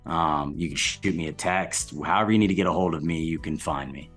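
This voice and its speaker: Low-pitched, easygoing male podcast guest. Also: brisk, fairly bright tone, soft background music. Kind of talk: casual interview chat.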